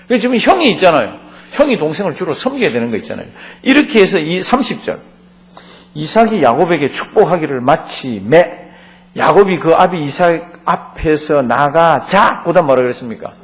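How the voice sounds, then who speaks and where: A male pastor leads a Bible study lecture in a fairly high voice with a very animated, swooping pitch. He reads scripture aloud, then explains it in a relaxed, conversational way, often asking the class questions. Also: a little fast. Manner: asks the class questions and leads group reading.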